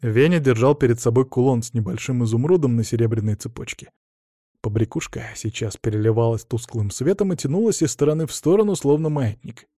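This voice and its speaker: A man's voice: mid-range voice, lively intonation, fairly quick, mellow, no echo. A man narrating a first-person fantasy audiobook in a wry, ironic manner, read close to the mic.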